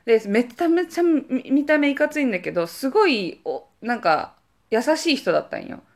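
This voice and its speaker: 明るい関西なまりの若い女性が、くだけた雑談の中で身振りたっぷりに旅先の思い出を語る。. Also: female voice, fairly high pitch, brisk, creaky. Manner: animated, acts out quoted voices. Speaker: podcast co-host. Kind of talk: casual storytelling chat.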